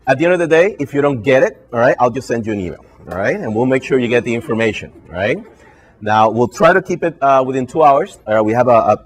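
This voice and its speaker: Speaking in a mid-range voice with a breathy edge, a man from Puerto Rico, whose first language is Spanish, trains bartenders live as a brand ambassador. He has a Puerto Rican Spanish accent and closes nearly every phrase with "all right?". An audience is with him in a hotel function room.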